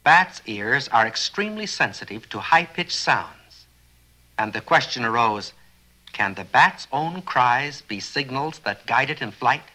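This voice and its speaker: A man's voice: medium pitch, lively intonation, a little slow, pushed and bright, rough recording. A man giving scripted educational documentary narration in an earnest, explanatory way, often posing rhetorical questions. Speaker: film narrator.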